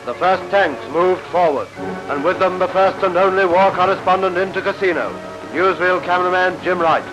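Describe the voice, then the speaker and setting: A man narrating a 1940s newsreel in a brisk, declamatory announcing manner, with the sound of an old newsreel. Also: sits high. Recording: dull lo-fi 1940s newsreel soundtrack under loud music.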